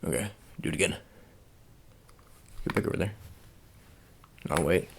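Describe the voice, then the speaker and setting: In a casual ASMR roleplay, a man plays an agent, speaking softly in a gravelly, unhurried voice. His instructions are low-key, hesitant, and repetitive.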